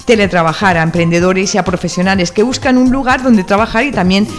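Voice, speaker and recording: A woman presenting local radio news at a mid pitch, brisk and clear like a newsreader. Faint music sits behind her voice. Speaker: radio host. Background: music bed.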